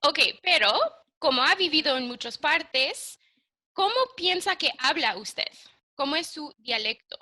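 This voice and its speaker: A woman's voice: sits high, expressive, a little slow, bright, forceful tone. A woman interviewing a guest, asking polite and formal questions with curiosity.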